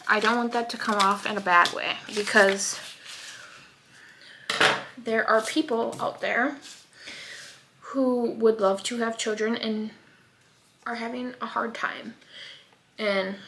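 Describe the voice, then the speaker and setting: A woman's voice: mid-range voice, fairly bright tone, poor audio. A young pregnant woman chatting casually and heartfelt in a home vlog, with many fillers. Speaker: vlogger.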